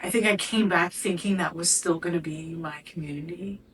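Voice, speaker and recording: A woman's voice: fairly low pitch, normal speed, far from the mic, a little hiss or hum, rough recording. Earnest woman talking through her story. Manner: earnest, loose and searching, dropping to a near whisper on quiet moments. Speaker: interview guest, studio founder. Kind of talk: reflective conversational storytelling.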